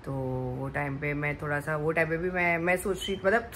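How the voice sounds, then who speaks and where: A woman, a mother on a home vlog, who talks in a soft, halting and hesitant way. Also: deep voice, slight background noise. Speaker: vlogger co-host, mother. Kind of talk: casual conversation on a vlog.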